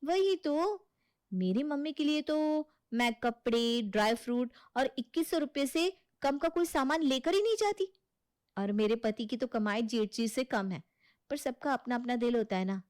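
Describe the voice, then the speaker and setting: A woman's voice: high-pitched, animated, moderate pace, darkish tone. A woman voicing a scheming, manipulative young wife who sweet-talks her in-laws in a cartoon story. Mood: sweet-talking. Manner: sugary, scheming.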